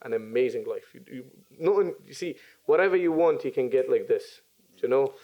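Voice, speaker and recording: A man in his twenties from Syria, chatting as a podcast guest and often pausing with ums and restarts. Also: mid-range voice, animated, lo-fi sound. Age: 20s. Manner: hesitant, many ums and restarts. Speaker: podcast guest, business owner. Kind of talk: casual interview chat.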